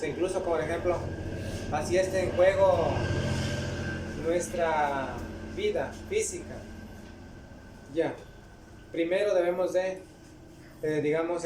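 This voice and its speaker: Man, preacher, higher voice, mellow tone, slow and unhurried, roomy echo. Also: slight background noise. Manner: frequent "¿no?" and "ya" tags, unhurried. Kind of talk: Bible study sermon. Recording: echoey room.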